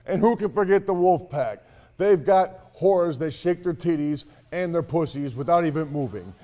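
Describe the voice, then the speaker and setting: Bright-toned man doing mock-dramatic promo announcing. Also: on the high side, normal speed. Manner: mock-dramatic, repetitive, profane. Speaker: infomercial co-host announcing a festival lineup.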